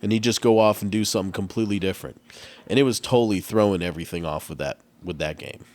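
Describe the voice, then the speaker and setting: A man's voice: sits low, fast, darkish tone. A man with a stuffed-up nose, chatting casually as a game master and rambling through restarts and fillers. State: congested, stuffed up. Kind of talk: casual podcast chat.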